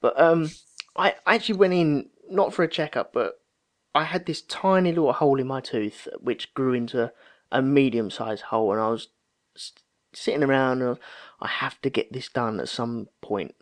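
Medium in pitch and normal in speed, his voice carries casual storytelling. He's in his thirties and voices the quoted remarks as though playing each part.

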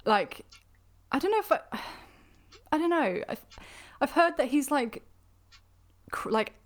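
A woman with a mixed southern English accent, hosting a casual chat. She is chatty and giggly and makes quick asides. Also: sits high, lively intonation. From England, born in the southeast, raised in the southwest. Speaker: podcast host. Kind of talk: casual video-call chat.

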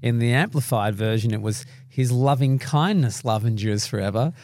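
Man, mid-pitched voice, dry mic, relaxed podcast talk, reads verses aloud. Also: normal speed, dry recording. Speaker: podcast co-host. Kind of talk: casual Bible discussion.

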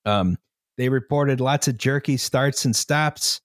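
Podcast host, male, mid pitch, rambling explainer with lots of "right?", dry close mic. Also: unhurried, no echo. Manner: explains at length, tags lines with "right?", many fillers. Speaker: podcast host presenting the history. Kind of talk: casual history podcast chat.

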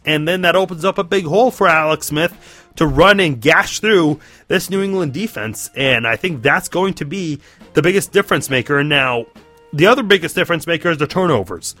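An American man hosts a sports podcast in a rough, strained, hoarse voice. It sits a little high and has a bright, forceful edge as he breaks down football matchups. Music plays behind him. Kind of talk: solo football analysis commentary.

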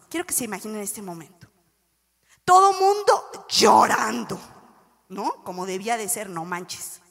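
High-voiced woman preaching in a hall. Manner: animated, playful, acts out Bible scenes and jokes with the audience. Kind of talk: sermon. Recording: long hall reverb.

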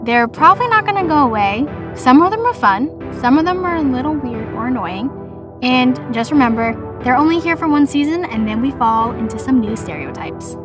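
A woman with a Boston accent hosting her own podcast, chatting in a bubbly, rambling way. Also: high-pitched. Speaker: podcast host. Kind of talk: casual solo podcast chat.

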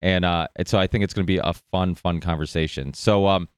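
A man's voice: deep voice, fairly even intonation, a little fast, clean tone, no echo, clean studio sound. A man hosting a live online panel show, talking in a loose, friendly way with many fillers and restarts. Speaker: host.

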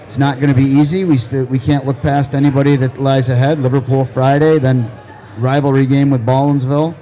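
A man speaking as a coach, giving measured, deliberate and halting interview answers. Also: medium pitch, little pitch movement, warm tone, rough recording. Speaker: head hockey coach.

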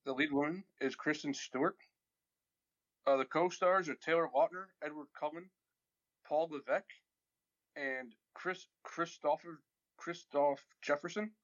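Halting deadpan man, dull sound. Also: a little high. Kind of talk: casual chat.

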